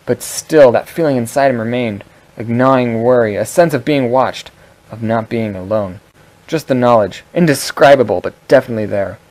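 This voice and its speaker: A man's voice: medium pitch, normal speed, darkish tone. A man reading a story aloud on a cheap microphone without a pop filter in an untreated echoey room, stumbling over words and breaking off for playful asides. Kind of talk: reading a story aloud in an old test recording.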